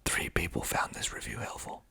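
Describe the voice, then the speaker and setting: Breathy and deliberate, a mostly unvoiced whisper carries this man's ASMR reading. He's a filmmaker and actor hosting the video, and his asides come out wry and deadpan.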